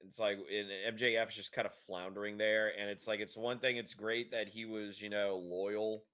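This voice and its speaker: A man's voice: on the low side, little pitch movement, moderate pace, bright, forceful tone, clean tone. A man co-hosting a podcast, sharing opinions in a rambling, casual way. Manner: rambling, many fillers and restarts. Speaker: podcast co-host. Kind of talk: casual chat.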